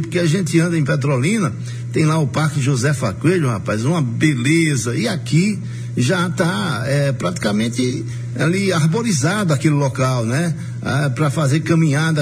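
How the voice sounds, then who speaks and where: A man's voice: fairly high pitch, darkish tone. A man hosting a local radio news show and conversationally interviewing a guest. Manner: conversational, leading a phone interview. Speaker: radio host.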